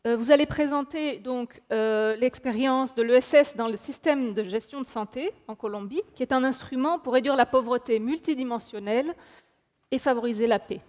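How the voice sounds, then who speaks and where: Woman moderator, fairly high voice, hesitant intro, echoing hall. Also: moderate pace, a little mellow. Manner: hesitant with fillers. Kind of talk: panel introduction. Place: large conference hall. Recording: long hall reverb, distant mic.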